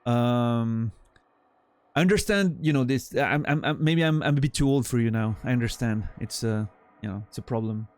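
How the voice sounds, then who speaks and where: A man in his forties from French-speaking Switzerland talks with a Swiss French accent, his voice medium in pitch and normal in speed. He chats loosely with his stream chat, rambling and poking fun at himself, often trailing off with fillers.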